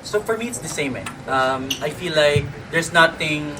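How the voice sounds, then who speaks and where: A man with a raised pitch talks earnestly, filling his sentences with "actually" and "you know". He is heard from far off the mic, and the hall rings with strong echo. A crowd murmurs behind him. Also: animated, moderate pace. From Philippines. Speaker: pageant franchise holder. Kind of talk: press conference answer. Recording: echoey hall, distant mic, crowd noise.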